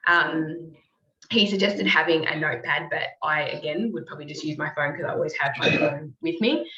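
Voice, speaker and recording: A woman hosting a casual motivational talk, rambling with many fillers and self-corrections, clearing her throat now and then. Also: deep voice, normal speed, sharp tone, lo-fi sound. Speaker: host. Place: call or online meeting.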